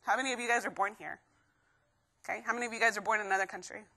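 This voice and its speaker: A young woman from Guatemala giving an energetic live motivational talk to students, constantly asking the crowd questions. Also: medium pitch, racing. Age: young adult. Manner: energetic, keeps quizzing the crowd. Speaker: motivational speaker.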